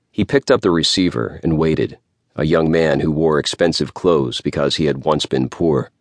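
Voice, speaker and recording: A male audiobook narrator with a strikingly deep, low voice. He tells the story in measured, steady scripted narration. The studio sound is dry and close, with no room around it. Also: dry recording.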